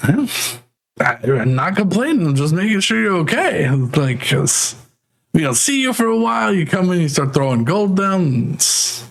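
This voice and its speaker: A man's voice: high-pitched, sing-song, moderate pace, vocal fry, pitched above the performer's own voice, exaggerated voice. A man doing a stammering nervous crewman. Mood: anxious. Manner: stammering and anxious. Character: nervous, fussy male crew worker.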